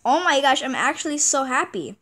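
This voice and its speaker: High-pitched girl narrating her game, super excitable, keeps repeating herself. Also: a little fast. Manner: excitable, repeats exclamations, restarts words. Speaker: gaming channel host. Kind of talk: casual gameplay commentary.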